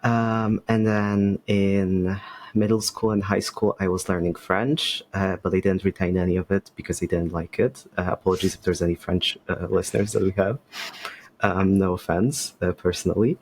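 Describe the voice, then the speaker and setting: Over a video call, this writer and game master from Poland, in his twenties and Polish by first language, joins a casual podcast chat as a guest. He talks at a moderate pace in a low, slightly mellow voice with a steady tone, hesitating often with ums and false starts.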